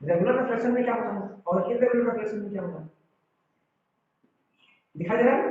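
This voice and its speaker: A physics teacher lectures in a very echoey room. He stands far from the mic, and the recording sounds dull. He explains step by step and keeps checking that the students follow. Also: sits high. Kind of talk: classroom lecture.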